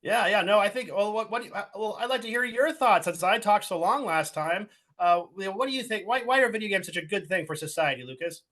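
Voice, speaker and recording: A man's voice: high voice, animated, fast talker, hardly any pauses, fairly bright tone. A man co-hosting a podcast, teasing and provoking his friend in a casual argument, with some swearing. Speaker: podcast co-host.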